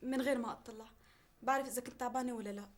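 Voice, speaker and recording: Woman acting as stubborn young woman, high voice, very fast, light music. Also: steady tone, natural voice. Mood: defensive. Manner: defensive, hushed then pleading. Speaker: younger sister in trouble.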